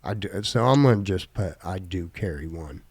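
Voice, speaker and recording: Casual podcast host: a man with a slight Southern twang, laid-back, reading quiz questions, pitched a bit low, dry sound. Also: lively intonation, normal speed, slightly rough, no room sound.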